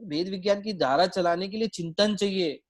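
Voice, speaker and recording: A man's voice: high-pitched, moderate pace. A man giving a Jain sermon to a seated audience, telling a story and putting questions to his listeners. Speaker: Jain preacher. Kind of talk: sermon with a told anecdote. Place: hall with a live audience.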